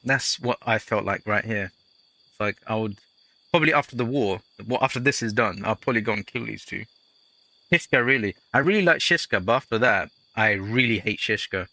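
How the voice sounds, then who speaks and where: A guy rambling through gameplay commentary, a jokey storyteller with a low voice. His tone is very bright and cutting. The sound is close and dry, with no room around it. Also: a little fast, dry recording. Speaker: let's play host.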